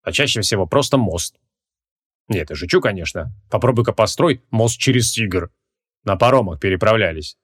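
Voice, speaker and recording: An arrogant ancient male mage, voiced by a male reader speaks a little lower than the narration, in a dry, dismissive drawl. He sounds condescending and sure of himself, a grumpy wizard in a comic fantasy audiobook. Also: lively intonation, normal speed, husky.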